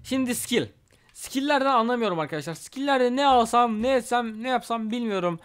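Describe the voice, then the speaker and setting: A young man giving casual Let's Play commentary, excitable and trash-talking at the game. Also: very high-pitched, brisk, clean tone. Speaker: gaming YouTuber.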